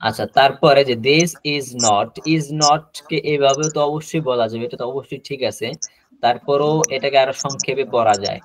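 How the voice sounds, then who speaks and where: A man teaching a spoken-English class over a video call, repeating each example slowly and drilling pronunciation. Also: medium pitch.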